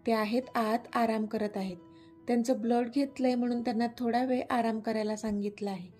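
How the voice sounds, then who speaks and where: Calm male doctor, measured and reassuring, mellow tone , read by a woman narrator in a storybook. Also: fairly high pitch, soft background music, lightly acted. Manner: measured, advising.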